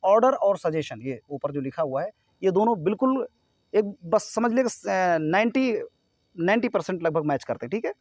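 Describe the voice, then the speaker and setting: A man with a high voice teaches a grammar lesson to students. He explains step by step and keeps checking that they follow. The sound is close and dry, with almost no room. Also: lively intonation, moderate pace, a little mellow, dry recording.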